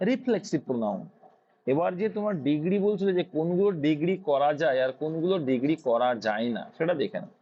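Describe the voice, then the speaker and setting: Explaining English grammar to students, a male tutor with a Bengali accent asks questions and then answers them. His voice is high and a bit mellow, and the audio is dull and lo-fi.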